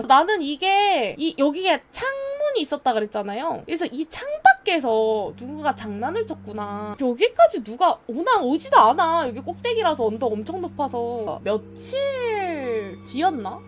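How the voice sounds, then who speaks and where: A woman's voice: high-pitched, normal speed, hardly any pauses, faint music behind. A young woman streamer casually telling a scary true story from her childhood, acting out the voices and sounds. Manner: animated, acts out quotes and sound effects.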